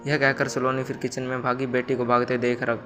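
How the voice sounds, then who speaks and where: A man narrating a moral family story in an even, scripted reading. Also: medium pitch, fairly quick. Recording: music bed underneath. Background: music.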